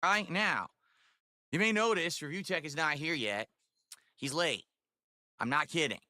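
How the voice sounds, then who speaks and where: Bright-voiced man hosting, dry close sound. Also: fairly high pitch, dry recording. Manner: deliberate, emphatic, checking in with "all right". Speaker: podcast host and streamer. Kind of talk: explanatory livestream talk to viewers.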